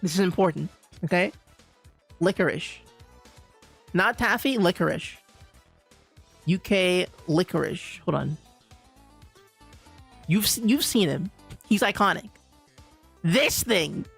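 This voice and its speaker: A young man from Bermuda streaming, ranting in an animated, casual way with lots of laughter. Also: sits high, slow pace, gravelly, long pauses, breathy edge, faint music behind. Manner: animated ranting, laughs often, says "dude" a lot. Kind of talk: casual livestream chat.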